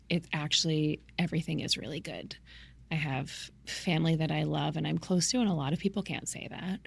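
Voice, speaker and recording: A woman's voice: low-pitched, creaky, slightly rough. A millennial woman podcast host chatting casually, frank, sweary and self-deprecating. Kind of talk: casual chat.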